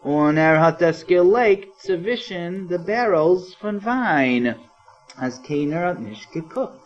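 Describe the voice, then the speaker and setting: A man's voice: high voice, slow, soft background music. Man telling a children's story. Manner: animated, singsong, with plenty of repetition. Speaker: storyteller and educator. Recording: dull old cassette transfer.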